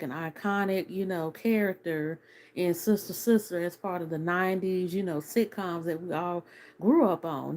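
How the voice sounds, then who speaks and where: She has a lowish, somewhat dark-toned voice. A woman in her thirties, she's casually reviewing on camera, talkative and earnest, voicing firm opinions and using many fillers like "like" and "you know."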